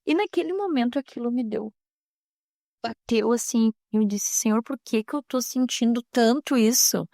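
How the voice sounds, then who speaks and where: A middle-aged mother earnestly tells a personal faith story on a podcast, slipping into the lines of her family as she goes. Her voice sits a little high for a woman. The recording is dry and close, with no room echo. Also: moderate pace, vocal fry, mellow. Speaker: mother and housewife sharing a testimony.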